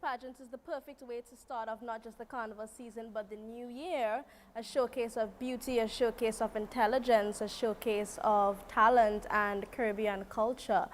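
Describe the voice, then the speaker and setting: A woman's voice: a little high, fairly even intonation, moderate pace, few pauses. A woman pageant contestant making a persuasive address to viewers. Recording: faint background noise.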